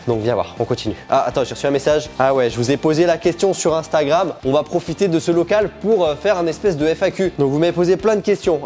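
A man in his thirties, hoarse from a cold, chatting casually and animatedly to camera as he shows viewers around. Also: on the high side. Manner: animated, informal, gesturing as he shows things around. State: hoarse from being sick. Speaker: bike stunt vlogger and event organiser. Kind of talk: casual vlog chat to camera. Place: large garage-like warehouse unit, indoors.

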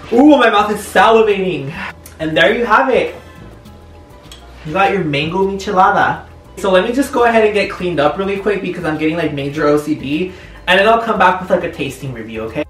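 A man's voice: on the high side, a bit bright. A young man chatting casually and joking through a home cooking vlog in his kitchen. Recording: echoey kitchen, distant mic, faint music.

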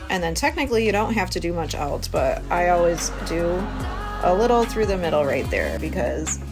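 With background music playing, a beauty vlogger in her thirties chats her way through an informal makeup tutorial in a small cabin room by a window. She's very animated, with a lowish voice and a moderate pace, filmed on a phone held at arm's length.

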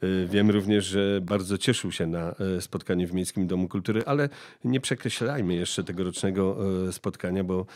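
A man's voice: low voice, normal speed, a little mellow. A male host interviewing a guest by phone, speaking hesitantly with frequent filler sounds. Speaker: radio-style program host.

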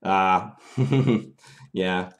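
A young man talks very slowly in a low voice as he plays chess live on stream, reasoning through his moves aloud. He has a mild Minnesota accent, and the recording from his small home room carries a little hiss or hum.

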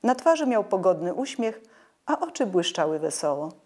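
A woman narrates a children's story in an expressive, melodic way. Her pitch is mid-range but swings widely, and her delivery is warm and story-like. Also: normal speed. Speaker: audiobook reader.

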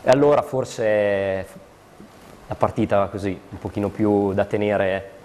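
A man in his thirties from Fano, a futsal player guest answering in a halting way with many fillers, recorded in a TV studio. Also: fairly low pitch, a little mellow. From Fano, Italy. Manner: halting, lots of fillers and repeated yeses. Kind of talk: studio interview. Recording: studio with long reverb, faint noise.

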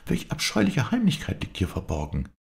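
A man voicing a grieving, fervent young noblewoman, his voice pushed far higher into impassioned, pleading cries. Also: a little slow, vocal fry, mellow, full character voice. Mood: indignant.

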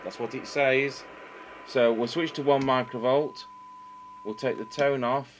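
The clearly noisy workshop camera recording carries steady background noise behind a British man's unhurried, mid-range voice. Working indoors at a repair bench, he demonstrates hands-on technical work informally and matter-of-factly, thinking out loud.

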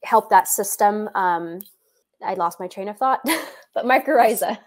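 A woman joins a casual podcast from home on a video call. Her voice is mid-pitched and plain. She explains at some length, pausing with hesitant fillers. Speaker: podcast guest. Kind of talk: casual chat.

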